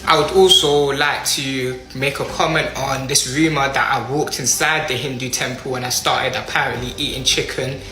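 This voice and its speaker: Young British male, earnest and halting statement, bright tone, audible room echo. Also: mid-range voice, steady tone. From United Kingdom. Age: young adult. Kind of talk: spoken apology statement to camera. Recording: roomy echo, faint music behind.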